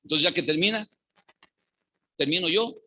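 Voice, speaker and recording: Mexican pastor preaching hard, high pitched husky voice, keeps asking the crowd questions. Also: male voice, moderate pace, pushed and bright. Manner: fervent, asks the congregation rhetorical questions. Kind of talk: sermon.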